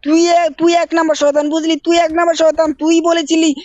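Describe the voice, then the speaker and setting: A woman's voice: extremely high pitch, little pitch movement, quick pace, darkish tone, dry recording, highs cut off. A woman voicing Franklin, a hot-tempered cartoon uncle who scolds and threatens in a game voice-over. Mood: scolding. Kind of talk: gameplay voice-over role-play.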